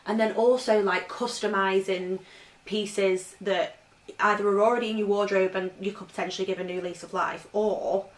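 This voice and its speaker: In this casual vintage haul vlog, a fashion vlogger chats at home, rambling and saying "like" constantly. She speaks at normal speed in a steady, medium-pitched voice. The recording echoes around the room, and she sounds away from the mic.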